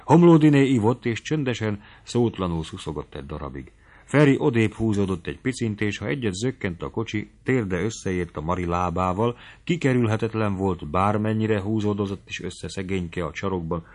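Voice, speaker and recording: Man, low voice, literary audiobook narration, measured and expressive.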